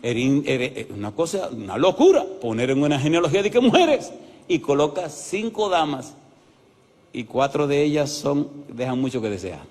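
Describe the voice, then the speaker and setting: Animated man preaching in a reverberant hall. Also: a little high, moderate pace. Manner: animated, asks the audience "yes or no" questions. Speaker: pastor. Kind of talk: sermon. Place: church hall.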